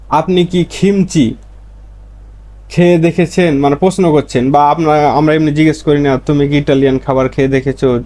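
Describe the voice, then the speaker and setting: A man's voice: mid-range voice, warm tone. A man teaching Korean grammar, explaining each word and then repeating it in his own language. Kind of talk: explaining lessons.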